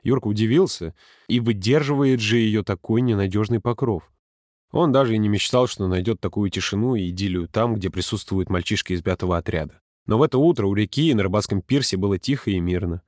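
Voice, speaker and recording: Calm male audiobook narrator, dry sound. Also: fairly low pitch, a little fast, no room sound. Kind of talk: scripted narration.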